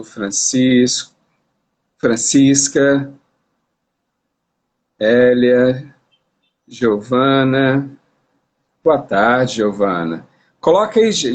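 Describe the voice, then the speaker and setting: A man from Brazil hosts a relaxed live stream, chatting loosely and restarting his sentences. He talks into a phone at a mid pitch. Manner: chatty, repeats words and restarts. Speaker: interviewer hosting a live stream. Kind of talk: casual live-stream chat. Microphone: phone on a live video stream.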